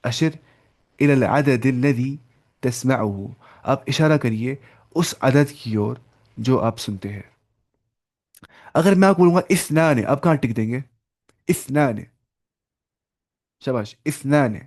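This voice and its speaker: A man teaching an online Arabic class, patiently repeating each word slowly for his student over a video call. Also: medium pitch, expressive, a little mellow.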